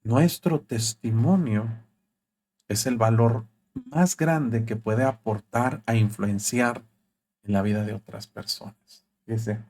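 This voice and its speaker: A man's voice: medium pitch, takes it slowly, darkish tone. A man preaching as a pastor on a live broadcast, voicing quoted thoughts with rising emphasis.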